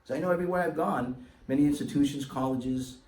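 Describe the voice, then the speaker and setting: A guest speaker with a mid-range, slightly mellow voice talks fast, delivering an impassioned, emphatic public address to an audience and sweeping his voice upward on key words. The recording sounds echoey, as if in a hall with the mic placed far away, and there's faint noise.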